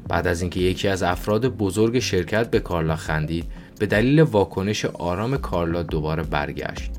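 A man with a very low voice reads an audiobook aloud. His delivery is calm and even, and soft music plays faintly behind him. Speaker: audiobook narrator. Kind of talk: audiobook narration.

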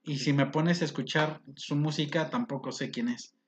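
A man's voice: on the high side, fairly even intonation, normal speed, noisy background. Teasing Mexican man hosting a podcast. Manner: teasing, mock-formal. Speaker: podcast host reading live chat. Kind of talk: casual podcast banter.

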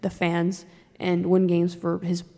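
Young woman with a gravelly voice, echoey room. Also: fairly low pitch, completely flat delivery, slow pace, warm tone. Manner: rambling, emotional, many "like" fillers. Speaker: sports fan podcast co-host. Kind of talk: casual chat. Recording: long reverb in the room.

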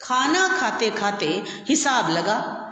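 A woman narrating a short story aloud in a measured storybook manner. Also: a little high, sing-song, bright, forceful tone, faint music behind. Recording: echoey, long hall reverb.

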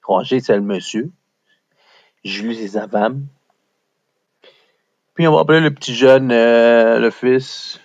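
Gravelly, rambling Québécois storyteller. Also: male voice, medium pitch, takes it slowly, pauses often, darkish tone, dry recording, highs cut off. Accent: Québécois French. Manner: rambling, jokey. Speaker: storyteller host. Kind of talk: improvised storytelling.

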